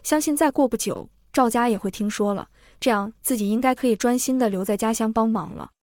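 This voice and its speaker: A woman narrating a serialized story in a steady reading voice. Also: a little high, brisk, no echo, studio quality.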